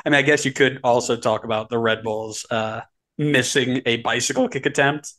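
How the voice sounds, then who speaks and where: Guy co-hosting a soccer podcast, mid pitch, gets animated and climbs up high telling a story. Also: normal speed. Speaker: podcast co-host. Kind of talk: casual podcast chat.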